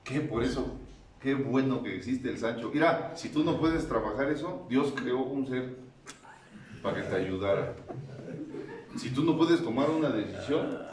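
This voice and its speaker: A man with a Mexican accent giving a crude, comic testimony at a recovery group meeting, mocking and preachy, often mimicking whiny voices in a high pitch. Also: expressive, unhurried, long pauses, darkish tone, a little hiss or hum. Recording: echoey room, mic at a distance.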